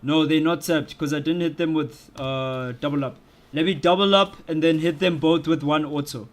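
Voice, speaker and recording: A young man talking through a game playthrough in relaxed slang, his voice pitched a little high. He sounds easy-going and quick to laugh between moves. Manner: laid-back slang, laughs easily. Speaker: gaming streamer. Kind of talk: casual let's-play commentary.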